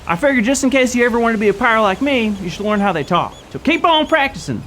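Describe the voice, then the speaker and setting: A goofy kids' show co-host who has gone all in on pretending to be a pirate, as a performer plays him. The voice sits in a middle pitch and leaps up and down with wide swings. There is a faint hiss under it. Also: quick pace, close to an everyday voice. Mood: playful. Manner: playful, silly, lively. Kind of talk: kids' church show skit.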